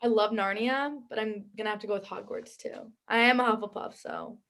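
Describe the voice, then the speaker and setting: A woman's voice: medium pitch, fairly even intonation, a little fast, fairly bright tone. A young woman, a lacrosse player, giving short, playful answers in a casual interview.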